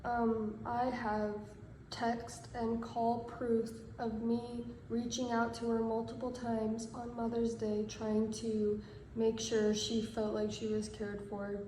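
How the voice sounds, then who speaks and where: A woman in her twenties giving a measured, earnest statement straight to camera. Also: on the high side, monotone, warm tone, roomy sound, a little hiss or hum, poor audio. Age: 20s.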